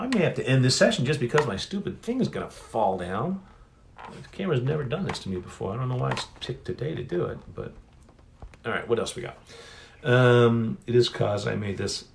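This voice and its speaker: A man's voice: medium pitch, gravelly, slight background noise. A middle-aged man hosting a solo author livestream Q&A, talking in a rambling, chatty way and often correcting himself, recorded on a phone. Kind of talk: casual solo livestream chat. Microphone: phone on a stand.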